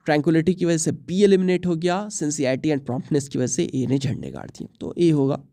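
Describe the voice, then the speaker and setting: A man's voice: fairly high pitch, fairly even intonation, moderate pace, gravelly, dark tone, no room sound, studio quality. A young male teacher with an Indian accent explains a multiple-choice lesson, mixing English terms into Hindi. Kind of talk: exam prep lesson.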